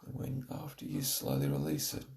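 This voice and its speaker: Guiding listeners through a scripted relaxation, a man speaks in a soothing, deliberate, instructional way, his gravelly bass voice a little mellow yet very animated.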